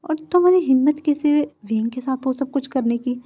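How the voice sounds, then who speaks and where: A woman voicing a stern mother who turns into a cold avenger, speaking low and slow. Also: highs cut off. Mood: menacing, hushed. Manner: low, slow and quiet, often whispered.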